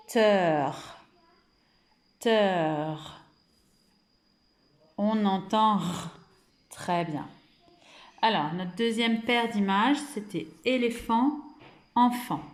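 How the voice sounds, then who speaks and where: A woman's voice: medium pitch, roomy sound. A woman teaching young children remotely, stretching out words and syllables and praising often, with a French accent. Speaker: kindergarten teacher.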